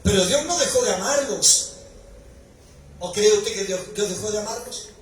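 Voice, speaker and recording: High-voiced preaching pastor in echoey hall. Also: male voice, lively intonation, moderate pace. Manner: preaching with rising, shouted emphasis. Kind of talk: sermon. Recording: echoey hall recording from far off, faint noise.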